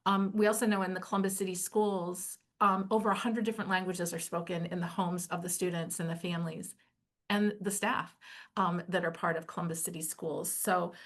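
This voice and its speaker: A woman moderates a webinar in a conversational way, filling her sentences with ums and you-knows. Her voice has a gravelly, creaky edge. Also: fairly low pitch, steady tone, fairly quick. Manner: conversational, many "um" and "you know" fillers.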